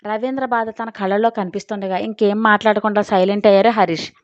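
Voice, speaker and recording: A woman narrating a romantic audio story in a steady, dramatic reading style. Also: medium pitch, fast, dry recording. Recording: dry, slightly dull recording.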